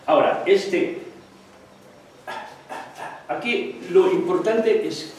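A man's voice: high-pitched, drawn-out words, darkish tone. Man lecturing in an echoey hall. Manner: explanatory, repeats syllables to demonstrate. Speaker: guest lecturer on singing technique. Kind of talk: live lecture with demonstrations. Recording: echoey hall, distant mic, faint noise.

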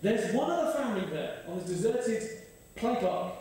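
A man, preaching a sermon with animated, self-deprecating storytelling. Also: sits high, moderate pace. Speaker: pastor. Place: large church hall. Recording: very echoey hall, voice from far off.

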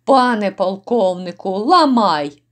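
A woman's voice: mid-range voice, lively intonation, slow, pitched below the performer's own voice. Woman doing jeering drunken noblemen. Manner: gruff, jeering shouts. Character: rowdy, brutal drunken noblemen, men.

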